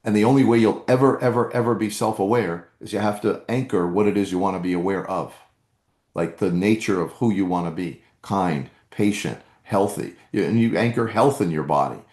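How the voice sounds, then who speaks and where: A man's voice: fairly low pitch, brisk, darkish tone, echoey room. A man hosting a live meditation workshop, coaching earnestly and reading out chat comments.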